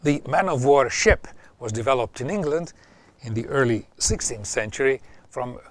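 A man's voice: medium pitch, expressive, moderate pace. A man with an Italian accent giving an informal history talk, often repeating and restarting his phrases. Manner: varies loudness a lot from phrase to phrase. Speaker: history presenter.

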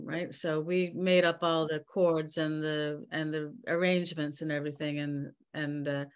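A woman in her sixties, a musician from Newfoundland, talking candidly in a video-call interview, with halting restarts and fillers. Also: fairly low pitch. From Newfoundland, Canada. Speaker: musician guest. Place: bright home room by a window. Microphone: video call laptop mic.

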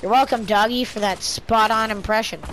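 Streaming her gameplay, a woman keeps up a goofy, casual running commentary full of exclamations, her fairly high voice holding a steady tone at normal speed. Background noise includes game gunfire and clicks layered over her voice.

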